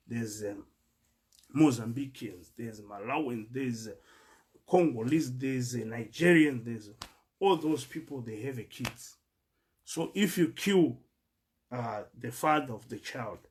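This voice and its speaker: A man from Zimbabwe with a Zimbabwean accent, giving an earnest monologue that cites scripture and stumbling as he repeats words while searching for the next. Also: medium pitch. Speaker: speaker addressing fellow migrants.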